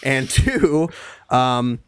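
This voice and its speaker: A man's voice: mid-range voice, expressive, very slow, smooth, dry recording, studio quality. A man chatting casually on a podcast, telling rambling stories full of hesitations and fillers.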